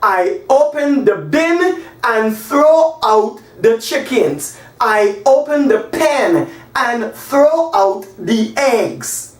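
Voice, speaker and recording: A man from Guyana in his forties, with a very high voice, teaches English beside a whiteboard in a small room. Gesturing with energy, he delivers slow, emphatic example sentences and spells them out. Recorded by a camera on the far side of the room, his voice echoes and sounds remote.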